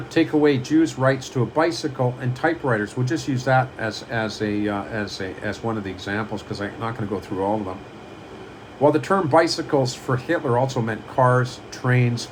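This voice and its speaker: A man's voice: medium pitch, low-quality recording. Man lecturing, faint hum behind. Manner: repeats himself, asks "do you understand?". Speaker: channel host. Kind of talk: lecturing monologue, reading from a list.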